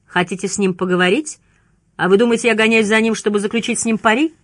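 A woman's voice: medium pitch, fairly even intonation, quick pace, dry recording, pitched above the performer's own voice, natural voice. A woman voicing a tense male police inspector who answers bluntly in clipped phrases, in an audiobook. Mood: grim.

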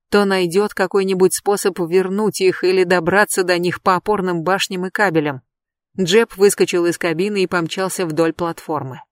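An audiobook narrator reading a thriller in steady, even storytelling. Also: medium pitch, no echo.

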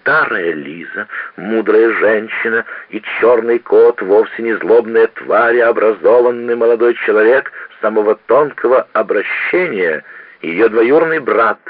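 A man's voice: on the low side, a little slow, voice pushed up. A man voicing a fiery young woman who protests heatedly, on a tinny old radio recording. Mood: indignant.

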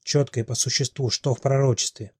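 A man's voice: mid-range voice, fairly even intonation, a little fast, a little mellow, breathy edge, no room sound, natural voice. Man reading a haughty, sardonic princess. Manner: dry, curt, sardonic. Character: cold, haughty young woman, a cursed princess.

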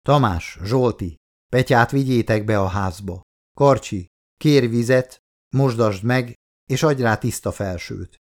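A man's voice: mid-range voice, close to an everyday voice. A man reading the lines of a tough commando colonel who barks curt orders. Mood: commanding.

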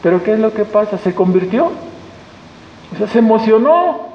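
High-voiced Mexican pastor in an echoey hall. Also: male voice, very animated, normal speed, slight background noise. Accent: Mexican Spanish. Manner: conversational preaching, acts out quoted voices. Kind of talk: sermon. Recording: echoey hall, dull lo-fi sound.

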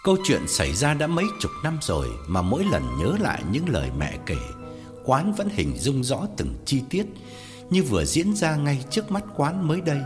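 A man narrating a story in a measured, storytelling manner. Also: medium pitch, huge pitch swings. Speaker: audiobook narrator. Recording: long reverb with faint music.

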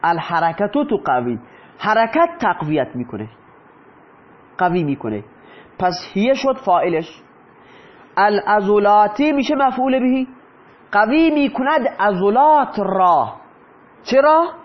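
Guy teaching grammar, high voice, asks a question then answers it, kinda muffled recording. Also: lively intonation, long pauses. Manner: asks the class questions and answers them himself. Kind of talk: explaining lesson in Persian.

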